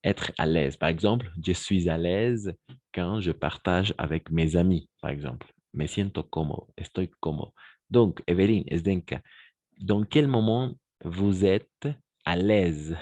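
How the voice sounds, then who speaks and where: A man teaching French to Spanish speakers, who repeats phrases slowly and switches into Spanish to explain. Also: low voice, darkish tone, dry recording.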